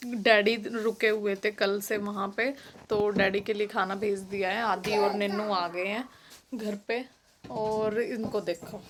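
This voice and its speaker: A woman's voice: mid-range voice, fairly even intonation, a little slow, a little hiss or hum. A young woman talking casually in a home vlog, explaining at length with many fillers and restarts. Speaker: vlogger.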